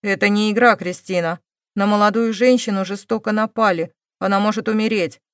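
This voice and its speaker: A woman voicing a calm, stern male police investigator who presses with measured questions. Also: mid-range voice, dry recording, studio quality, close to an everyday voice.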